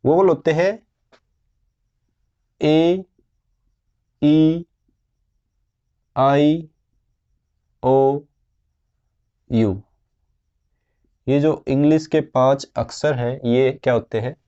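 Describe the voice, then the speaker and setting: A man teaching a grammar lesson, explaining slowly and patiently and asking his students questions as he goes. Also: on the high side, mellow, clean tone, dull audio.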